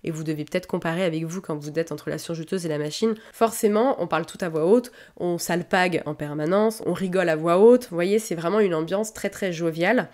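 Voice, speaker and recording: Woman, slightly low voice, casual storytelling, talks straight to the listener. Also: brisk, hardly any pauses, a little mellow. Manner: addresses listeners directly and conversationally. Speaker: lingerie seamstress sharing workplace stories.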